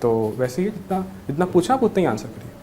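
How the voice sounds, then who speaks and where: Young male interview guest, slightly high voice, reassuring and casual, faint noise behind. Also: sing-song, brisk, mellow. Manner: friendly, reassuring, mixes English words into Hindi. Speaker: interview guest, newly selected civil judge.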